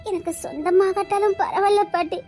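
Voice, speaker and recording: High-voiced young woman with a Tirunelveli accent. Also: steady tone, fairly quick, a little mellow, faint music behind. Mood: tearful. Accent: Tirunelveli Tamil. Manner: tearful, pleading. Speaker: actor in a homemade drama.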